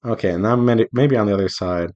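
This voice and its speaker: A visual novel developer streams while drawing, chatting casually and playfully to himself and his viewers as he rambles through an indie game devlog. His voice is on the low side and darkish in tone, and he talks quickly. The sound is lo-fi.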